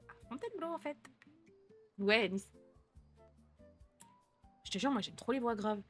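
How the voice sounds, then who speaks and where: A young woman streamer, talking in a relaxed, slangy way. She answers viewer messages and mixes reassurance with jokes. Soft music plays faintly behind her voice. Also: a little high, measured pace, slightly rough. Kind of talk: casual chat reading out viewer messages.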